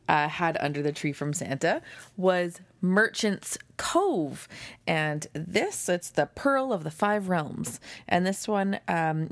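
A woman's voice: lowish voice, dry recording. A woman co-hosting a board game podcast in casual chat, talkative and a little self-deprecating. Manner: chatty, apologetic, self-deprecating.

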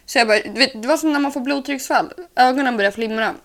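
A young woman co-hosting a podcast in casual chat, animated, acting out dialogue as she tells stories. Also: sits high. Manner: animated storyteller, acts out dialogue, swears casually. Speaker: podcast co-host.

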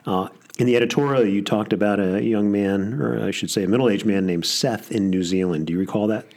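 Male interview host, low-pitched, conversational framing questions. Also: brisk, creaky, darkish tone.

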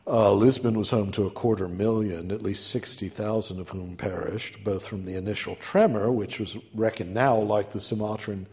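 A man's voice: low-pitched, a little mellow. A man delivering a scholarly lecture from a prepared text, with erudite, ornate phrasing and an emphatic, rhetorical delivery. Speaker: guest lecturer giving a talk. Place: large reverberant hall. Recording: muffled, reverberant hall recording.

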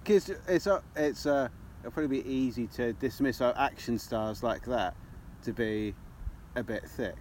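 A man's voice: medium pitch, normal speed, darkish tone, a little hiss or hum. A young man co-hosting a podcast, joking crudely and swearing freely in casual banter. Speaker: podcast co-host.

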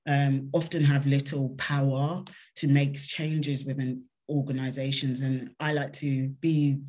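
A woman with a South London accent answering interview questions in an earnest, measured, conversational way. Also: rumbling low, level tone, a little mellow. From South London, England. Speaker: interview guest, consultant.

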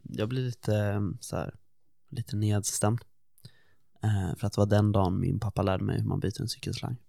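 Male role-play player, lowish gravelly voice, relaxed, halting, dry close sound. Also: no room sound. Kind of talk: in-character reminiscing chat.

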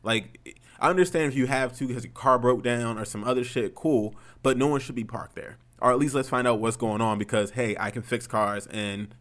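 A man's voice: medium pitch, steady tone, normal speed, fairly bright tone. A young man, a streamer, telling a story in casual chat, rambling and swearing, growing heated as he retells it.

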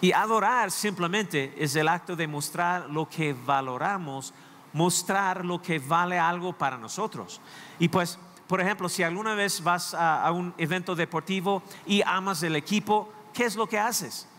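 A male pastor delivering a sermon in a fairly high voice, speaking conversationally and putting questions straight to his listeners. The recording carries the long reverb of a large hall, with faint noise in the background. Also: normal speed, pushed and bright.

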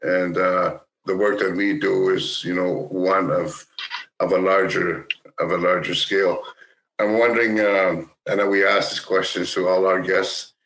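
A man hosting a conversational podcast interview, phrasing his questions haltingly and rewording as he goes. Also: sits low, steady tone, a bit bright. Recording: roomy, echoing sound.

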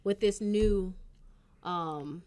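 A woman's voice: on the low side, drawn-out words, warm tone. A woman co-hosting a podcast, talking in a chatty, teasing manner while explaining loan details. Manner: chatty, teasing, laughs often, loan talk. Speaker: podcast co-host. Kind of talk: casual chat.

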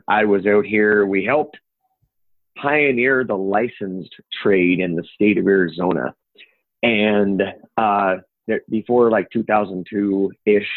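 A middle-aged home inspection business owner from Upper Michigan, speaking with a Yooper accent and a lowish voice. He's a guest in a conversational interview, folksy, wordy and playful. The call audio is echoey and narrow, like a phone line.

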